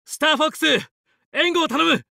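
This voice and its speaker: A man playing a young, confident fox space pilot and team leader in a video game, brisk, determined and commanding yet friendly. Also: very high voice, creaky, sharp tone, no room sound, clean studio sound, full character voice. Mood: determined, urgent. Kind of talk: Japanese video game voice acting.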